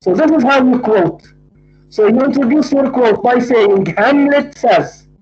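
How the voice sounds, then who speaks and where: A man with an Arabic accent, a native Arabic speaker, lecturing on academic writing in a didactic, emphatic way, repeating and spelling out key points. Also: very high-pitched. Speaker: university English lecturer. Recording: dull lo-fi audio.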